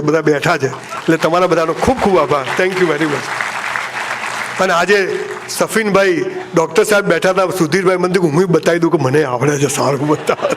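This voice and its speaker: A man's voice: a little high, background noise. A man with a Gujarati accent giving a live motivational speech to a seated audience, joking and acting out lovers' lines in playful voices. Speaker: motivational speaker.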